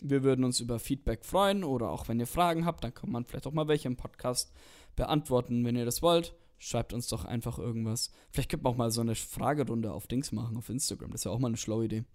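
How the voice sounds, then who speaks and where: A man's voice: mid-range voice, fairly quick, a little mellow. A man co-hosting a podcast in casual chat, rambling, using slang and swearing. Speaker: podcast co-host.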